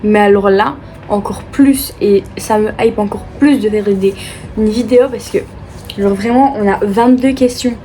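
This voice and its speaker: A woman's voice: mid-range voice, moderate pace, warm tone, slight background noise. A young woman from Liège with a Belgian French accent, casually answering viewer questions in a chatty, upbeat way, full of fillers. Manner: chatty and upbeat, many fillers like euh and du coup. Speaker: vlogger. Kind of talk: casual Q&A chat.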